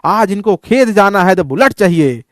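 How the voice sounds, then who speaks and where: A man's voice: high-pitched, lively intonation, moderate pace, a bit bright, no room sound, studio quality. A man doing a grumbling old grandfather. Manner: complaining, boastful about the old days.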